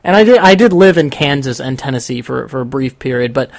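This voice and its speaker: A man's voice: mid-range voice, expressive, brisk, gravelly. Rambling young man telling a story. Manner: rambling, self-interrupting storyteller. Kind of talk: casual chat.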